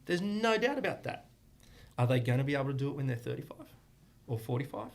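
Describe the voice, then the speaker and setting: A man's voice: mid-range voice, very animated, fast. A man, a martial arts academy owner and guest on a podcast, speaking earnestly in long flowing explanations. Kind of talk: casual podcast interview.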